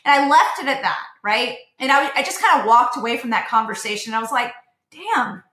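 Woman in her 30s guesting on a podcast, bright voice, acts out quotes, echoey room. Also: a little high, fast talker. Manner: animated storyteller, acts out quoted dialogue. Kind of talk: casual interview chat.

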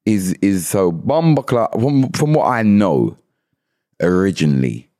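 A man chatting on a podcast as the guest, his pitch rising and falling in an animated way. He explains slang in a loose, stop-start fashion, often restarting his sentences. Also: measured pace. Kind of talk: casual chat.

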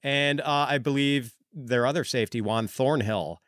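Man, football analyst, smooth clear voice, thoughtful casual talk. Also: medium pitch, normal speed, fairly bright tone, no echo, studio quality. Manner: thoughtful, lots of fillers like uh and um. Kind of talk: casual sports chat.

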